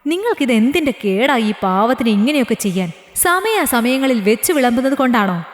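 A woman voicing a defiant, sharp-tongued young woman who speaks with mocking scorn. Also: a little high, big pitch swings, brisk, echoey room, big-room sound, pitched above the performer's own voice. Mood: scornful.

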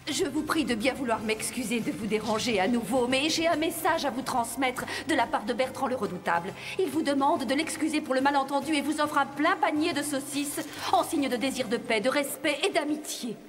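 A woman's voice: high voice, a little fast, faint music behind, close to an everyday voice. A woman voicing a formal, insistent royal courtier in a cartoon. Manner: formal and firm. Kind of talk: French cartoon voice acting.

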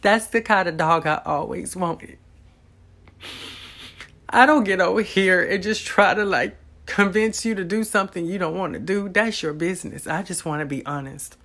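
A woman's voice: on the low side, normal speed, fairly bright tone. Woman, 30s; sincere to-camera testimony, close phone mic, small home room. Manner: earnest, talks straight to viewers, faith-filled. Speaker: vlogger.

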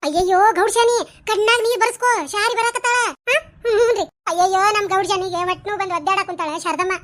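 A woman voicing bickering village women in a cartoon, talking in quick bantering dialect with a North Karnataka Kannada accent. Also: very high-pitched, steady tone, a bit bright. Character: bickering village women, a landlady and her helpers. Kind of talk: cartoon voice acting.

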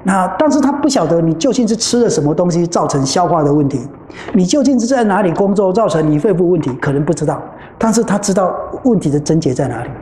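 A Buddhist nun with a Taiwanese Mandarin accent giving a dharma talk in a temple hall, animated and acting out dialogue from her stories. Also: on the low side, fast. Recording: roomy hall with faint noise.

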